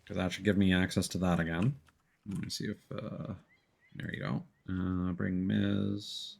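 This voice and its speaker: Speaking a little slowly in a level, darkish low voice with vocal fry, a man runs a casual gaming livestream. He meanders and thinks aloud as he plays.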